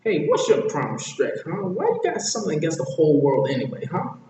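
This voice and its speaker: A man voicing a pushy, chatty talking donkey from a cartoon film, nosy and excitable with pestering questions. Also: a little high, a little fast, dull audio, pitched above the performer's own voice. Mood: excited, needling. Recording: echoey hall, far from mic, faint noise.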